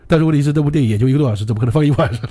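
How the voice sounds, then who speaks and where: A man's voice: medium pitch, racing, warm tone. A man co-hosting a podcast, retelling listener horror stories in a chatty, loose way and laughing often. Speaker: podcast co-host.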